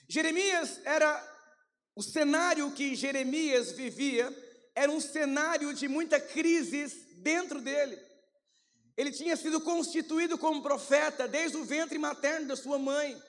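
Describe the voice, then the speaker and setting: A man preaching a sermon as a pastor, often shouting with fervor. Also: very high-pitched, measured pace. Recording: long hall reverb.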